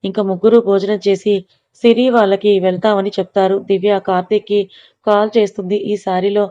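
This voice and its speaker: Flat-voiced woman reading a story. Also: mid-range voice, a little fast, no room sound. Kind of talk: story narration. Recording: dull lo-fi recording.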